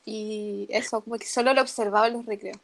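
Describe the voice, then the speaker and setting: A young woman with a Chilean accent chatting casually as a podcast co-host, telling self-deprecating stories in a relaxed way. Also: medium pitch, brisk, creaky, a crowd in the background. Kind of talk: casual chat.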